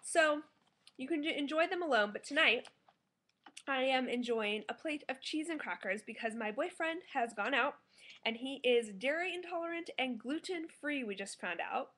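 A woman's voice: high voice, animated, normal speed, fairly bright tone. A woman in her thirties giving a casual, enthusiastic food review to camera at home as a food blogger. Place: small living room at home, indoors.

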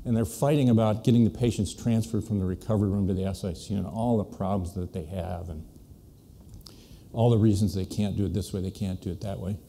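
A physician giving a conversational, anecdotal talk to a conference audience, with an American accent, dropping into quiet asides. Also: male voice, on the low side, fairly even intonation, brisk, vocal fry, a little hiss or hum. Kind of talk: storytelling speech to an audience. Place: conference meeting hall.

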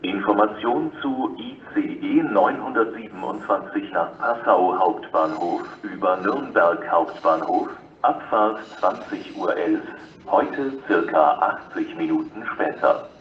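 A man reads a flat, formal, segmented scripted platform announcement as a railway station announcer. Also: low voice, measured pace. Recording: echoey, distant, dull station loudspeaker with noise.

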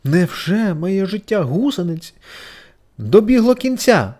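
High squeaky little caterpillar girl, whiny and self-pitying, storybook voice, put on by the narrator. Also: big pitch swings, a little slow. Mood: anxious. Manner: whiny, tearful complaining. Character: fretful chatty female caterpillar, self-pitying. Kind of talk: storybook character voice.

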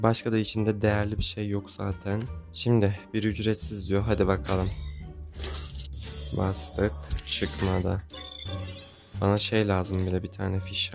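Excitable gaming commentator, lowish voice. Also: male voice, gravelly. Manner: excitable, pleading and grumbling at the game. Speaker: gaming YouTuber. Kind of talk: casual gameplay commentary.

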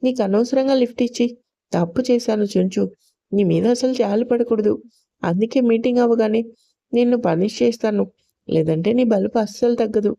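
This is a harsh, domineering young male boss from an audio story, scolding and threatening in a mellow, dark-toned voice, as a woman puts him on. The sound is dry and close, with no room around it. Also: on the high side, moderate pace, gravelly, no room sound, muffled recording.

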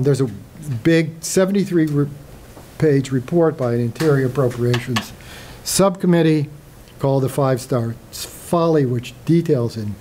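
A man's voice: mid-range voice, dark tone, a little hiss or hum. An older man giving a public lecture with slides, speaking conversationally with frequent fillers and restarts. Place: lecture hall.

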